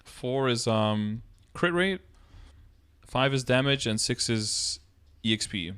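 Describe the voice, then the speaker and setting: Speaking slowly and expressively, a man in his thirties walks through a step-by-step explanation as a game streamer, answering chat questions in a casual live tutorial. His medium-pitched voice has a clean, fairly bright tone. He's close to the mic in an indoor streaming setup.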